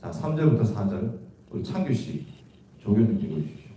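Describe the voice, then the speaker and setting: A man's voice: on the low side, big pitch swings, fairly quick, warm tone, a little hiss or hum. A man teaching a Bible class, asking students questions and explaining the verses. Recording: echoey room from far off.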